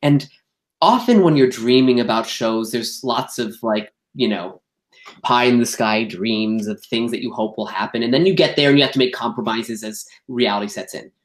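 A man's voice: mid-range voice, moderate pace. Man telling theater stories in an echoey room. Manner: animated, acts out quoted exchanges. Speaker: guest, theater actor and director. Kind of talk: candid interview storytelling. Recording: roomy echo.

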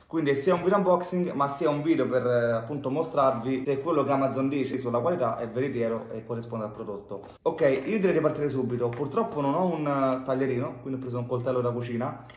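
A man's voice: mid-range voice, fast talker, few pauses, darkish tone. A young man talking casually to the camera in an unboxing vlog, chatty and informal with lots of fillers. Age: young adult. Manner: chatty, informal, many filler "cioè" and "raga". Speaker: vlogger. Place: room at a wooden table indoors. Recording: echoey room, faint noise.

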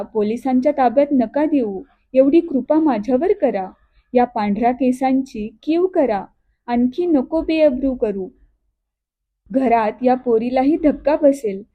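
A woman's voice: high-pitched, animated, measured pace. A woman reading the part of an ashamed old village father who reproaches his son and then pleads, in thin phone-like audio. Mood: pleading. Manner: grieving, reproachful.

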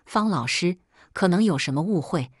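A humble working mother pleads with an anxious, earnest tone, as a woman reading a storybook acts her out. The voice is low and breathy, dry and close to the mic. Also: lively intonation, moderate pace, dry recording.

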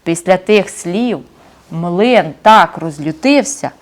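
A woman reading a fairy tale aloud to children, lively and pausing to ask them questions. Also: on the low side. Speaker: storyteller for children. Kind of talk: expressive children's story reading.

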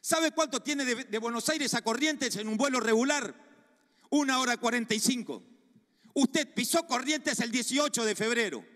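A man's voice: very high voice, moderate pace, pushed and bright. A man with an Argentine Spanish accent, a senator speaking vehemently and accusingly in a committee hearing, repeating phrases for emphasis. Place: large legislative chamber. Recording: reverberant hall sound.

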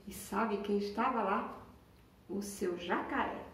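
A woman teacher with a Brazilian accent telling a story to young children, expressive and asking them questions. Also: medium pitch, takes it slowly. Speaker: preschool teacher. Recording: echoey room, mic far off.

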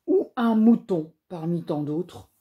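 A woman giving a casual spoken review of a comic book, often pausing and searching for her words. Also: on the low side, lively intonation, phone-quality sound.

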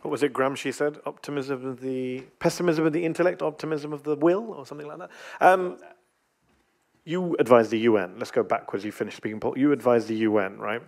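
Gravelly English man moderating a panel. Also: mid-range voice, a little fast. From England. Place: conference room with panel table. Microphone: table microphone.

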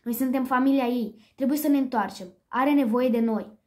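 A woman voicing a gentle aristocratic mother cat. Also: high-pitched, fairly even intonation, lightly acted. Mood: gracious. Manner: soft, gracious.

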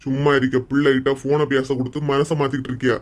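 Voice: mid-range voice, level tone, fast talker, natural voice. An actor voicing a stern Kanyakumari father. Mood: stern scolding. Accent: Kanyakumari Tamil. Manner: scolding, threatening, then gently coaxing. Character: stern middle-aged father scolding his daughters. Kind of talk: cartoon comedy voice acting.

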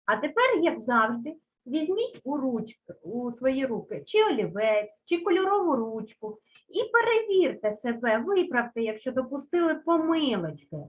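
A woman's voice: sits high, big pitch swings, moderate pace, lo-fi sound. A woman from Ukraine teaching a lesson to young children, stretching out key words and coaxing them with questions. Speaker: primary school teacher.

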